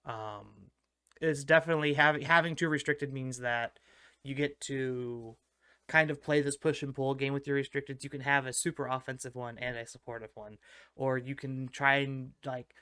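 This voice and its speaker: A man's voice: medium pitch, normal speed, clear, resonant tone, no room sound. Brief: male podcast co-host, laid-back explainer, clean resonant tone, dry sound. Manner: relaxed, explains strategy at length with fillers. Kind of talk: casual gaming podcast chat.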